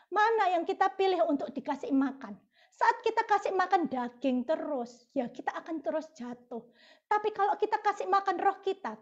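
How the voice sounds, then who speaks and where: A woman's voice: extremely high pitch, highs cut off. A woman preaching a testimony sermon to a women's fellowship, telling stories with acted inner voices.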